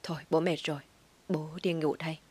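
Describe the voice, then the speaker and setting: A woman voicing a weary, gentle old father. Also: on the high side, flat delivery, brisk, breathy edge, no echo. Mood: weary tender.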